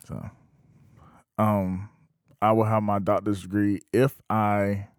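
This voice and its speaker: A man in his thirties talking casually to camera, thinking aloud with frequent pauses. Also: sits low, no room sound, clean studio sound. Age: 30s. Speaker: vlogger. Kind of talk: casual opinion monologue.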